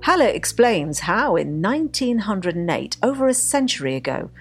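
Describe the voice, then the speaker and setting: A woman narrating a documentary script with a husky voice. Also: mid-range voice, big pitch swings, moderate pace, faint music behind.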